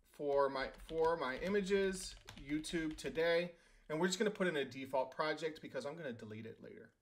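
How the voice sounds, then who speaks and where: Casual man walking through a software demo. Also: on the high side. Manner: casual, thinks aloud with fillers and self-corrections. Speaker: tech tutorial host. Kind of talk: screen-recorded software tutorial.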